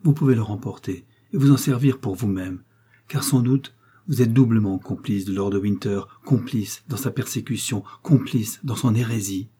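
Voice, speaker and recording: A man's voice: on the low side, moderate pace, dark tone, husky. A man voicing a proud, scheming woman prisoner who speaks with cold haughtiness and feigned fervor. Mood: haughty indignation.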